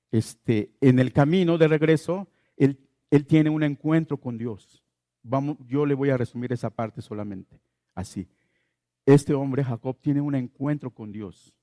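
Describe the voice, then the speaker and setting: A man's voice: mid-range voice, warm tone, no room sound, studio quality. A man preaching a sermon as pastor, asking the congregation questions and repeating his key phrases.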